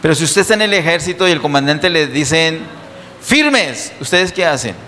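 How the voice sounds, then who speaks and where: A man's voice: on the high side, quick pace, sharp tone, a little hiss or hum. A man preaching a sermon to his congregation, emphatic and full of rhetorical questions, in a church. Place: church hall. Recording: distant sound with long hall reverb.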